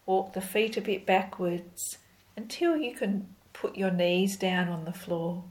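A woman leading a yoga class as instructor, giving calm, gentle, step-by-step cues in an unhurried way. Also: medium pitch, rough recording. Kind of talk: slow guided yoga instruction.

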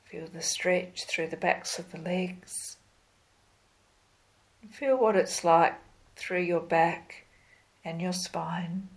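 Very slow, low-voiced woman guiding yoga. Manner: calm, unhurried, gentle step-by-step cueing. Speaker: yoga instructor. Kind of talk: slow guided yoga instruction.

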